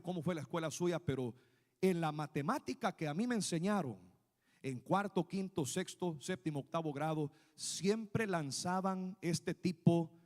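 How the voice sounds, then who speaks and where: A man from Guatemala preaching a sermon as pastor, animated and speaking straight to his listeners as brothers. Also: fairly high pitch, big-room sound. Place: church sanctuary.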